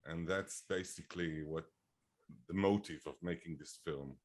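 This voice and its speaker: A film director in his fifties, born in Bulgaria, answering interview questions slowly, with many fillers and restarts. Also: deep voice. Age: 50s. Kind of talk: interview conversation.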